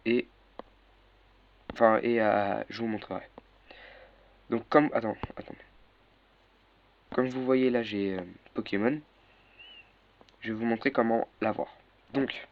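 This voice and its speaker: A young man walking through a casual tutorial, hesitant, with many fillers and self-corrections. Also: medium pitch. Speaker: tutorial maker. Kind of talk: casual screen-recorded tutorial. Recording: dull lo-fi mic with faint noise.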